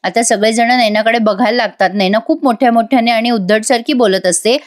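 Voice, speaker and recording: Woman recap voice-over, animated and direct with the viewers, slightly high. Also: a little fast. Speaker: TV serial recap narrator. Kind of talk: chatty plot recap voice-over.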